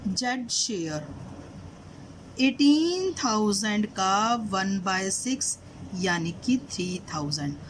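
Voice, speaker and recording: A woman's voice: mid-range voice, animated, takes it slowly, rough recording. Woman teacher walking students thru accounts, checks "samjhe?" a lot, bit of faint room hum. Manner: asks students questions and repeats "did you understand?"; mixes English terms into Hindi explanations. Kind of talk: explaining a solved problem.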